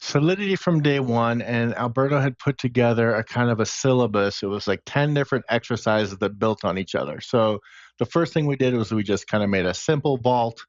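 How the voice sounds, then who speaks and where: A man's voice: medium pitch, a little fast, dry recording, highs cut off. A man chatting casually as a podcast guest, recounting his career path step by step. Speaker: podcast guest, smart contract engineer. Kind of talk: casual interview chat.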